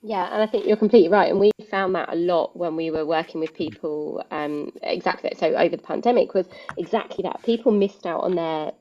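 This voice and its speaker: Chatty woman with a low voice. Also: brisk, few pauses, dark tone, lo-fi sound. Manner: chatty, explanatory, many fillers. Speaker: guest speaker. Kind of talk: live webinar talk. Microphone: video call.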